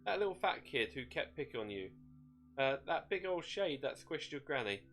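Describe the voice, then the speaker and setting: A man's voice: medium pitch, very animated, moderate pace, a bit bright, faint music behind. A man voicing a gleeful, bloodthirsty demon shade, mocking and wheedling in folksy slang as in a dramatic story.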